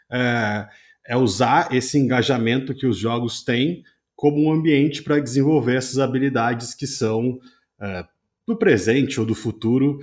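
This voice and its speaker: A man's voice: medium pitch, darkish tone. A man with a Brazilian Portuguese accent speaking as a podcast guest in a conversational, methodical, explanatory way. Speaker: podcast guest, games education entrepreneur.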